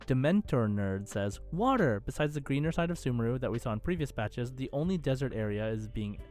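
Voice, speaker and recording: On a casual gaming podcast, a male co-host chats enthusiastically and reads out comments from listeners. His voice is medium in pitch and a little mellow.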